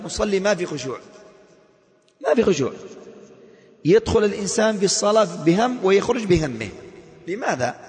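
A man preaching a sermon to a congregation, posing rhetorical questions and then answering them himself. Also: mid-range voice. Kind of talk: Friday-style sermon to a congregation. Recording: long echoing hall reverb.

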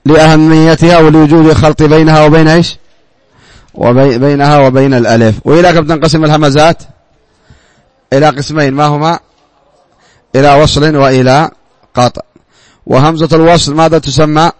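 A man's voice: a little high, steady tone, brisk, pauses often, no room sound. A man teaching a class, who asks his students questions, answers them himself and repeats words for emphasis. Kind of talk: classroom grammar lesson.

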